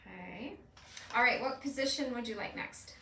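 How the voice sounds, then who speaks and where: Woman chatting through a card reading, bright voice, sounds a bit far off in an echoey room. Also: fairly high pitch, moderate pace, creaky, slight background noise. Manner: chatty, explanatory, with frequent fillers and restarts. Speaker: host doing card readings with an AI. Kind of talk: casual spoken reading.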